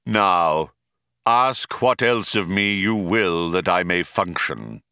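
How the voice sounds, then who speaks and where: Guy doing a big grave know-it-all computer from an audiobook, super slow and portentous, dry sound. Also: deep voice, lively intonation, sharp tone, clean tone, no echo, exaggerated voice. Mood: solemn, deliberate. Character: ponderous, lofty male supercomputer.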